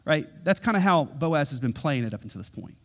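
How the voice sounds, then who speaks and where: A man's voice: on the high side, animated, fairly quick, a bit bright. A man preaching a verse-by-verse sermon in a casual, conversational way, acting out quotes in everyday voices. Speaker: pastor. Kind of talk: expository sermon.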